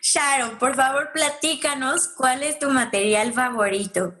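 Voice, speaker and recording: A woman's voice: high voice, unhurried, pushed and bright. A woman with a northern Mexican accent chatting casually and enthusiastically as a podcast co-host, with a bubbly, giggly way of talking. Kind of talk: casual chat.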